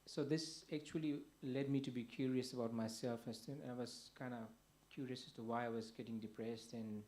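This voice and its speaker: A young man from Fiji giving his personal testimony as a guest, soft-spoken and hesitant, with many pauses and restarts. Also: medium pitch, fairly even intonation.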